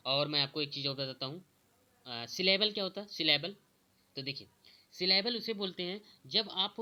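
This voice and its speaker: A young man teaching exam prep, explaining questions step by step and slowly reading out the answer options. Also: fairly high pitch, bright, forceful tone, clean tone. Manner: repeats "okay" often, reads options slowly.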